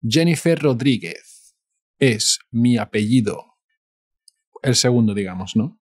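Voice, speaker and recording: A man with a Castilian Spanish accent teaching a language lesson, repeating each phrase slowly and explaining grammar in asides. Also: mid-range voice, animated, a little mellow, dry recording, studio quality. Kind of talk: slow bilingual phrase lesson.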